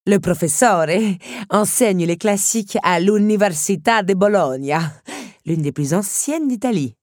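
A woman voicing a slow, gracious storybook countess. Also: medium pitch, lively intonation, no echo, clean studio sound, pitched above the performer's own voice, natural voice. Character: gracious aristocratic older countess, affectionate.

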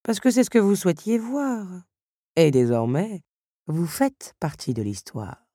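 A woman reading aloud voices a cold, scheming noblewoman who speaks in a measured, ironic and cutting way. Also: fairly low pitch, big pitch swings, dark tone, no room sound, studio quality.

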